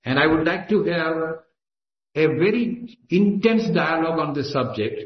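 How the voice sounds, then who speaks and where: His voice is a little high, animated and a little slow as he makes an emphatic, impassioned address to a meeting. The man has an Indian accent and speaks Gujarati natively, and the lo-fi recording carries the echo of an assembly hall.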